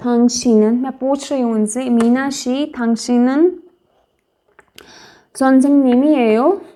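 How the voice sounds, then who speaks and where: A woman teaching a language lesson, explaining patiently and repeating example phrases slowly, syllable by syllable. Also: high-pitched, fairly even intonation, mellow.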